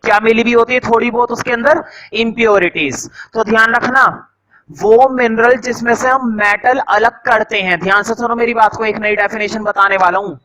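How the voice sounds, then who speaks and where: A man teaching a science class, slowly dictating notes to students and quizzing them with repeated questions. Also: very high-pitched, steady tone, bright, forceful tone, low-quality recording. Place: classroom with a board.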